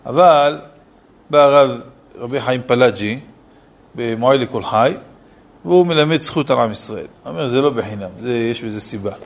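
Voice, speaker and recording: A man's voice: mid-range voice, gravelly. A man, a city rabbi, giving a Torah lesson and firing off rhetorical questions with scolding asides. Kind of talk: Torah lesson on Selichot laws.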